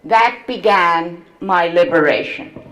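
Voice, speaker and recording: Reading aloud from her memoir, a woman in her 70s recounts her life to an audience at a slow, measured pace. She has a lowish voice with a fairly bright tone, captured on a rough recording.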